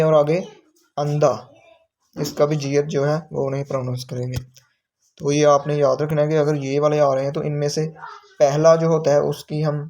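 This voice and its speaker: A man's voice: fairly high pitch, dark tone. A man teaching from a textbook, reading each word aloud and then explaining what it means. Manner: repeats words slowly, explains each term. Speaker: Korean language teacher.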